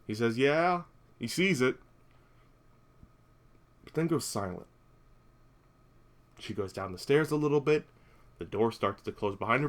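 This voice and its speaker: A man's voice: medium pitch, a bit bright. Chatty man recapping a horror film. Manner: chatty, wry asides, frequent fillers. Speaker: podcast host. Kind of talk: casual movie recap.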